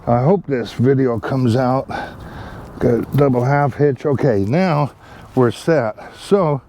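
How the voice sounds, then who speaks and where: A man narrates his tree planting outdoors in a loose, rambling way, pausing on fillers and calling his viewers guys. His voice is mellow and low in brightness, and he talks at a slow, easy pace. Faint outdoor noise sits behind him on a camera mic placed nearby. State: back tightening up, a bit strained. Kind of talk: casual how-to narration while working. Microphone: camera mic, set down nearby.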